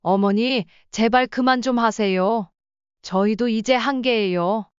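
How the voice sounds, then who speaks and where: A woman's voice: on the high side, unhurried, clean tone, dry recording, lightly acted. A woman reading as an exasperated daughter-in-law. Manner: sighing, exasperated. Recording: slightly dull lo-fi sound.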